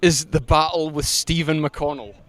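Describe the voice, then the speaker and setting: A man's voice: on the high side, fairly even intonation, normal speed, a bit bright. A Scottish man hosting, chatting casually with drivers at an outdoor drift event and repeating their answers back to them. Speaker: host. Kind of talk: casual interviewing at a motorsport event.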